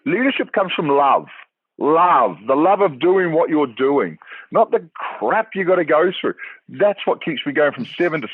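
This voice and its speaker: Man, 40s, emphatic and rambling panelist; high, husky, tinny call audio. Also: animated, moderate pace, no room sound. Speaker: podcast panelist. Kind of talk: casual discussion.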